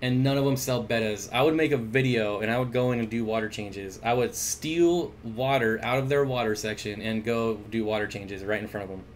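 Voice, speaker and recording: A man hosts an aquarium livestream from a home room full of tanks, talking into a desk mic at his computer. His mid-range voice moves briskly with few pauses as he chats casually, reads viewer comments aloud, and tosses in jokey asides, with slight background noise behind him.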